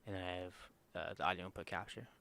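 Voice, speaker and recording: Narrating his software tutorial over a screen recording, this streamer speaks softly and quietly in a slightly low, creaky voice. His tone stays steady and his pace quick as he rambles casually, uses lots of fillers, and often breaks off mid-phrase to fix what he said.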